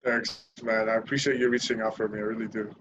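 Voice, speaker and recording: A man's voice: fairly low pitch, level tone, fast talker, a bit bright, slight background noise, poor audio. A young man from Lebanon, a podcast guest telling his story candidly in casual chat, swearing freely and laughing at himself.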